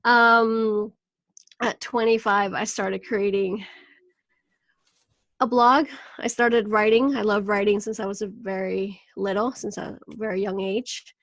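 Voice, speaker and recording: A woman's voice: medium pitch, slow pace, no room sound. A woman in her thirties from Venezuela, a podcast guest talking candidly and with lots of laughter about her life story. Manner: candid, animated, laughs often. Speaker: podcast guest, wellness coach. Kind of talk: casual interview talk.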